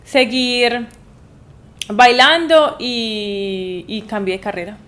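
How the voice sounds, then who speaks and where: Young colombian woman, medellín accent, fairly high voice, lots of "eh"s while she thinks. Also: fairly even intonation, slow pace, fairly bright tone. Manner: thoughtful, many hesitations and fillers. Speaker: guest, dancer. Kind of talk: conversational interview answers.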